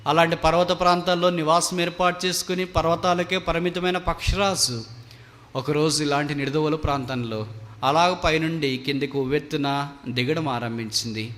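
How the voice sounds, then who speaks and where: A man's voice: on the high side, steady tone, moderate pace, a bit bright. A man preaching a sermon, telling a story in an earnest, dramatic manner in a large meeting hall. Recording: long hall reverb.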